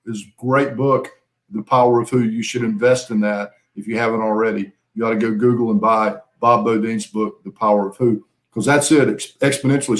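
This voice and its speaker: A man, a business coach, giving upbeat, earnest motivational talk on a video call and stretching out key words for emphasis. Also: medium pitch.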